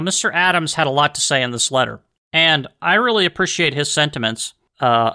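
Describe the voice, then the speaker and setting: A man's voice: fairly high pitch, pushed and bright, dry recording, clean studio sound. An American man hosting a history podcast, giving earnest, unscripted opinion and repeating phrases for emphasis.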